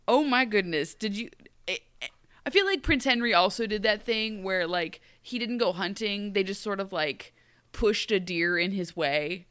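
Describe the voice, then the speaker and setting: A woman's voice: medium pitch, clear, resonant tone. A woman co-hosting a podcast, chatting casually and animatedly, often mimicking characters in a mock-grandiose tone. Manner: animated, mock-grandiose quoting, frequent fillers. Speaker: podcast co-host. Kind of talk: casual recap chat.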